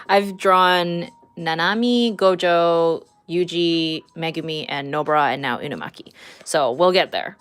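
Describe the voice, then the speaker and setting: A woman in her thirties, her voice slightly low but clear and resonant, chats in a relaxed, informal way on a livestream while she draws. She's talkative and giggly, switching between reading viewers' messages aloud and replying to them.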